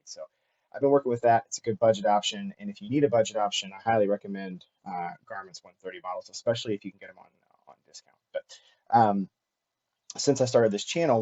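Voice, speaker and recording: Male vlog host, casual and unscripted, fast with halting fillers, somewhat mellow tone, slightly lo-fi recording. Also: on the low side. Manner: halting, filler-heavy delivery with frequent restarts. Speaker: cycling channel host.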